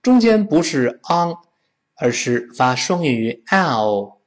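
Lively male English teacher drilling pronunciation. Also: a little high. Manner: lively, stretches out English words slowly for repetition. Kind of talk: pronunciation lesson.

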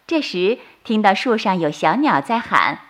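A woman storyteller narrating a bedtime story for children in a slow, soothing manner. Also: medium pitch, very animated, fairly bright tone. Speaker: storyteller host.

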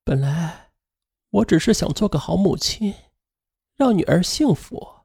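A man's voice: high-pitched, lively intonation, a little slow, gravelly, a little mellow, husky, voice pushed up, full character voice. A man voicing an adult divorced mother, proud and bitter, in a dramatized radio story. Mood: remorseful. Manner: contemptuous, later remorseful and weeping.

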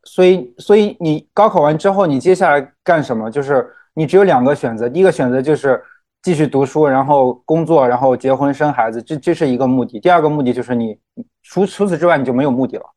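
A man's voice: mid-range voice, quick pace, warm tone. A man from mainland China speaking casually and reflectively, repeating words as he searches for phrasing. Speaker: guest teacher.

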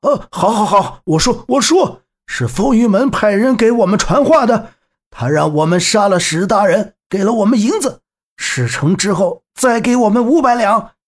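A man voicing a terrified male bandit in an audiobook, pleading in a high, strained voice. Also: animated, moderate pace. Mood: frightened. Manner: pleading, high-pitched, shouting.

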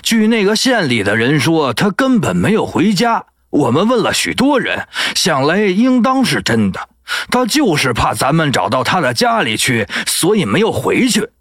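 Man doing a high-voiced servile steward. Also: huge pitch swings, moderate pace, a bit bright, no echo, studio quality, full character voice. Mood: cautious. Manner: careful, deferential reporting. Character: cautious male household steward, servile. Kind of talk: fan audio drama.

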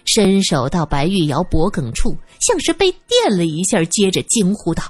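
A woman's voice: fairly low pitch, big pitch swings, moderate pace, darkish tone, slightly rough, dry recording. A woman narrating a story, reading expressively and acting out the scenes. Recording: dry close voice with faint music.

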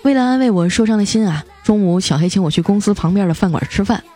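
A woman's voice: mid-range voice, lively intonation, quick pace, mellow, soft background music. A young woman hosting a comedy show, telling scripted jokes with playful punchline timing. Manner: playful, punchline-driven delivery. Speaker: comedy podcast host. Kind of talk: scripted comic storytelling.

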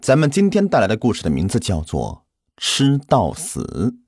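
Male storyteller, husky voice, lively pitch, dry close sound, folk ghost tale. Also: normal speed, no echo. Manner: lively, colloquial storyteller's delivery. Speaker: host and storyteller.

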